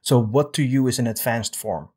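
A man in his thirties from Europe hosting a casual video interview from a home studio with a desk microphone, relaxed and full of um fillers. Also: mid-range voice, breathy edge. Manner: relaxed, many um fillers, drawn-out questions. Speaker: host. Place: home studio room with guitars on wall. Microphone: large desk microphone with headphones.

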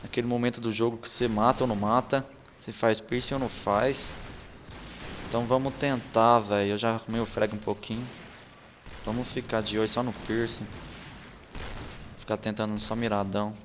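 Excitable young gamer, reverberant room. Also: male voice, on the low side, brisk, a little hiss or hum. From Brazil. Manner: excitable, swears, laughs and groans at deaths. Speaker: gaming YouTuber. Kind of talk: live gameplay commentary. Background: game gunfire.

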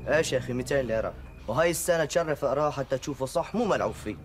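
A man's voice: mid-range voice, expressive, racing, faint music behind, lightly acted. A man playing a deferential villager. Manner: polite, deferential.

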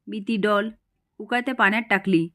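A woman's voice: mid-range voice, normal speed, pushed and bright, natural voice. Charu, a woman reading a cruel, possessive young woman. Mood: boastful. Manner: threatening, boastful.

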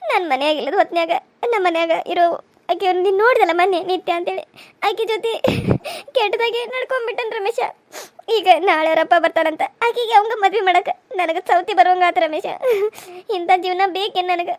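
A betrayed young wife in a cartoon serial, voiced by a woman speaks bitterly. Her voice is very high and she talks fast. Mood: grieving. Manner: bitter, grieving. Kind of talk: cartoon voice acting.

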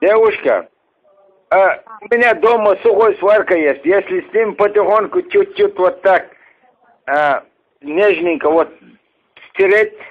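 A man from Dagestan with a Dagestani accent, calling in with halting, hesitant, naive questions. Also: high-pitched. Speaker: caller. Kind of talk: phone call. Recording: tinny narrow-band phone line.

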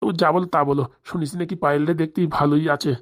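A woman's voice: low voice, steady tone, fast, close to an everyday voice. A woman voicing a meek, henpecked old village husband in a comic cartoon, placating and backpedaling.

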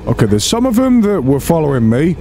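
A man's voice: on the high side, big pitch swings, a little fast, warm tone, a little hiss or hum. A man giving casual gameplay commentary, swearing freely and talking to the game's characters in bursts of exasperation. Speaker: let's play host.

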